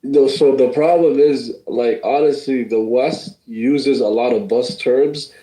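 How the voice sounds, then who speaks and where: A man's voice: mid-range voice, steady tone, measured pace, dark tone, roomy sound, rough recording. Man on a call that keeps breaking up. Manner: earnest and insistent. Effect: call audio breaking up and cutting out. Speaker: guest calling in to a live discussion. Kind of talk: heated casual debate. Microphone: remote call connection.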